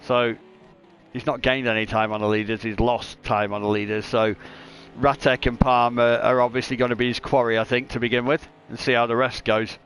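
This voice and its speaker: A man's voice: medium pitch, level tone, brisk, a bit bright, a little hiss or hum. A man commentating live on an online sim race, chatty and joking, reading out lap times. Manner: chatty, jokey, reads lap times aloud.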